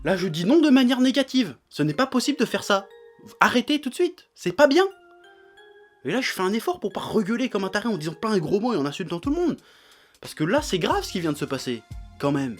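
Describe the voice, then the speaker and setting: A young man ranting like a raging gamer in an irate, exasperated, sweary video commentary. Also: high voice. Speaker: anime episode reviewer.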